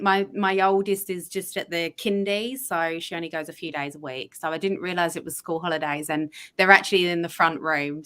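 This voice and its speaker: A woman's voice: on the low side, bright, forceful tone. English woman, a friendly interview guest. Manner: friendly, laughs easily, chatty. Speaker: interview guest, motherhood coach. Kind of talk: casual interview conversation.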